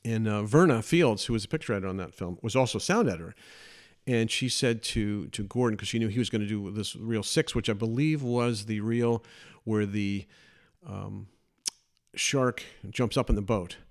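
An older man hosting a podcast, telling chatty, animated anecdotes from his career. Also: on the low side, normal speed. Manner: chatty, animated anecdotes with put-on quoted voices. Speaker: podcast host. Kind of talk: casual storytelling.

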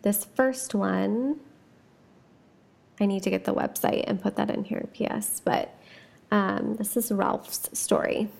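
A woman's voice: medium pitch, slow pace, gravelly, darkish tone. A woman hosting a chatty podcast, talking casually with lots of fillers and asides and reading ghost stories aloud. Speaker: podcast host.

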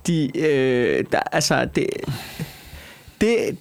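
Animated man, slightly high-pitched voice. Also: smooth. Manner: animated, emphatic, swearing, repeats and piles up phrases. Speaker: comedian and talk show co-host. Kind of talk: casual argumentative chat.

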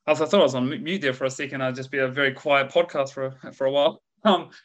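A researcher in his thirties with a New Zealand accent guests on a casual podcast over a video call, talking in a laid-back, slangy way. His medium-pitched voice is fairly even and quick, and the audio has its highs cut off.

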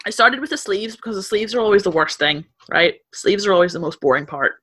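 A woman co-hosting a podcast over a video call from her flat, chatting in a detailed, laughing way. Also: mid-range voice, fast, breathy edge. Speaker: podcast co-host. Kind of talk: casual chat. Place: main room of a flat at night.

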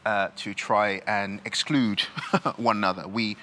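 A man born in Nigeria who grew up in this country, answering questions in a reflective church panel discussion, thoughtful and halting with many restarts. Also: lowish voice, fairly even intonation, bright, forceful tone.

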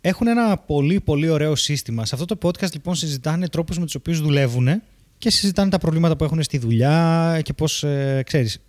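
Male podcast co-host, slightly high voice, lively casual banter. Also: no room sound, clean studio sound. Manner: animated, playful, drops English phrases. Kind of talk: casual chat.

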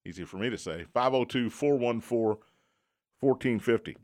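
A man hosts a sports talk show in a radio studio. His voice sits at an average pitch, and he delivers lines like an emphatic promo announcer. He slips in joking, self-mocking remarks. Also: moderate pace, a little mellow. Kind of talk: sports talk radio with live sponsor reads.

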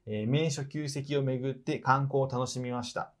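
A man's voice: medium pitch, fairly even intonation, normal speed. A man co-hosts a casual podcast. He reads a listener's letter in an easy, playful voice and breaks off to tease and laugh. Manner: teasing, playful, laughs readily. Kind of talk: casual chat, reading a letter aloud.

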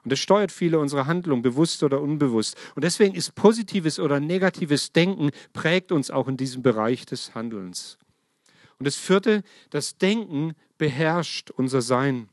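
A middle-aged man preaching a lively sermon, speaking directly to his congregation with emphatic, varied delivery. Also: a little high, normal speed, no echo, clean studio sound.

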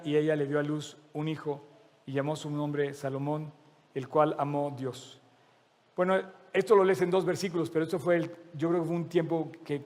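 A man's voice: a little high, a little mellow. A man preaching a sermon. He speaks in an earnest, emphatic way and repeats his key phrases. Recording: long reverb of a large hall.

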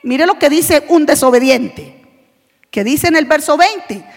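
High-pitched lady preaching hard in a big echoey church hall, loud then low. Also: measured pace. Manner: impassioned, swings from shouting to low intense asides. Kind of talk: sermon. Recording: long reverb of a large hall.

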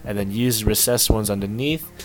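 A man hosting a podcast, giving a relaxed, slightly hesitant sponsor read. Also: fairly low pitch, normal speed, over music. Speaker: podcast host reading a sponsor spot. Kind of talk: casual ad read.

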